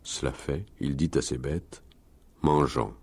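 A man reading a story aloud in a slow, measured way. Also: a bass voice, darkish tone. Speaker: narrator.

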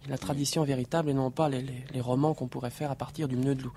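A man's voice: mid-range voice, steady tone, fast talker. A man explaining folk tradition he has collected, in an explanatory way with a few restarts. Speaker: folklore researcher. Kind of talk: spoken explanation.

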